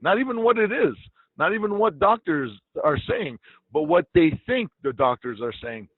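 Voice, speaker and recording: A man's voice: high voice, animated, normal speed, no echo. A man from Iraq, an interview guest, talking bluntly and swearing freely. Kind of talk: casual interview talk. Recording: dull lo-fi dry sound.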